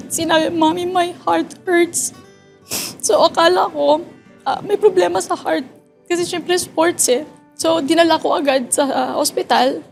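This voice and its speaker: A woman with a Filipino accent, a mother recounting her child's ordeal in an interview, soft-spoken and often dropping quiet. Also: very high-pitched, moderate pace, gravelly, soft background music. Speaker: guest, mother. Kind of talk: emotional interview account.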